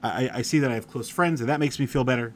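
A man's voice: medium pitch, racing, a little hiss or hum. A man giving a conversational Torah lecture, wandering between stories and reading letter passages with feeling, scattering Hebrew and Yiddish terms as he goes. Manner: reads quoted letter passages aloud with feeling. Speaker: Torah teacher.

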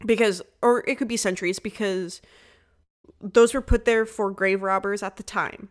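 A woman's voice: mid-range voice, steady tone, normal speed. A young woman co-hosting a podcast in casual chat, with a slight lisp, rambling with many fillers. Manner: rambling, lots of "like" fillers, self-described lisp. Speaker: podcast co-host.

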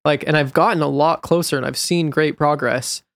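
Man, slightly high voice, gravelly, dry close sound, reflective podcast chat. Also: fairly even intonation, normal speed, fairly bright tone, no echo. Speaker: podcast host. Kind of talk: casual chat.

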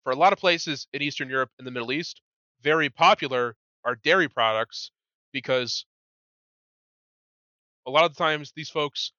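A man's voice: mid-range voice, normal speed, long pauses, bright, forceful tone, no room sound, dull audio. A man hosting a casual podcast, presenting a segment in a wry, profane, jokey manner on a close mic.

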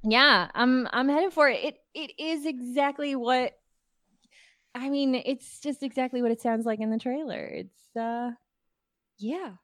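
A woman's voice: high-pitched, unhurried, a bit bright, dry recording. Woman podcast host, close dry sound. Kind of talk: scripted intro and casual film review.

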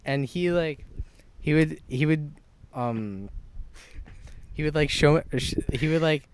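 A man's voice: fairly high pitch, clear, resonant tone. Rambling man on a podcast mic. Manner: halting and rambling, with many restarts. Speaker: podcast co-host. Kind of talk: casual chat. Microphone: podcast microphone.

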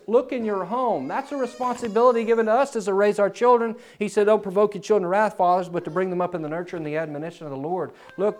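A man preaching a sermon in a church, swinging from loud, climbing emphasis to quiet, low asides.

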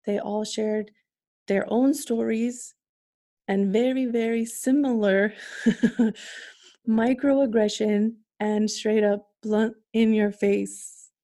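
Mellow-voiced woman speaking earnestly. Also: a little high, steady tone, takes it slowly. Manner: earnest, laughs between points. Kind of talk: conversational interview.

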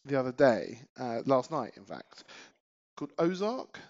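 A man's voice: medium pitch, very animated, measured pace, darkish tone, highs cut off. A man co-hosting a casual chat podcast, joking and swearing and often trailing off mid-sentence. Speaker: podcast co-host.

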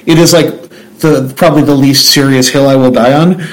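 A man's voice: medium pitch, steady tone, normal speed, poor audio. A young man from Central New Jersey in a casual chat, talking in a rambling way with many restarts. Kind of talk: casual conversation.

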